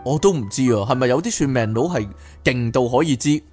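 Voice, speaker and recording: A man reads a book aloud as podcast host and breaks off into animated, chatty asides. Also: mid-range voice, brisk, soft background music. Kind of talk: reading a book aloud with commentary.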